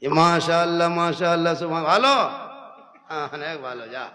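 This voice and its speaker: A man in his fifties with a regional Hindi accent from Jharkhand, preaching a humorous sermon at a religious gathering. He swings between loud declaiming, sing-song chanting and joking asides. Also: fairly high pitch, normal speed. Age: 50s.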